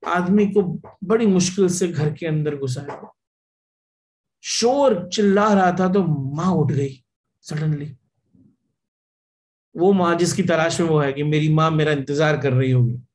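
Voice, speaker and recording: A man's voice: a little high, a little mellow, poor audio. Man with a slightly raised voice, telling a parable. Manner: storytelling, shifts between brisk and slow, mixes in English words. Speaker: spiritual teacher. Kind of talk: scriptural discourse with storytelling.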